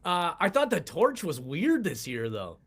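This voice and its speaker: A man's voice: on the high side, wildly swooping pitch, measured pace, fairly bright tone, husky. A middle-aged man co-hosting a casual chat, asking questions and laughing often. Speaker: co-host.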